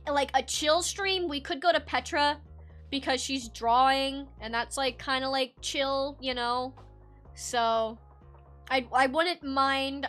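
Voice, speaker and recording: A young woman streaming, chatting casually with viewers in a sleepy, rambling way with many restarts. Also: sits high. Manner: laid-back, rambling with many restarts and soft laughs. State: sleepy, yawning. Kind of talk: casual live-stream chat reading viewer comments.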